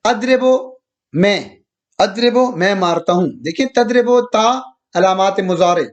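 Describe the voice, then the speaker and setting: A male teacher giving a recorded slide lecture, who repeats each point, slowly draws out quoted verses and asks listeners whether they have understood. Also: high voice, dull audio. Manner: checks understanding with questions to listeners. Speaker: grammar teacher.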